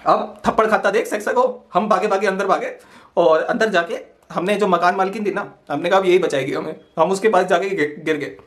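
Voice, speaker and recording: A young man casually telling a funny personal story, lively and laughing often as he acts out what people said. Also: high-pitched, fairly quick.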